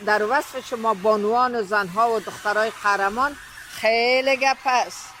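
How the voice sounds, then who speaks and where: Effusive woman host, fairly high voice. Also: slight background noise, poor audio. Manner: effusive, flattering, recites poetry. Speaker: interview host. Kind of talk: casual interview.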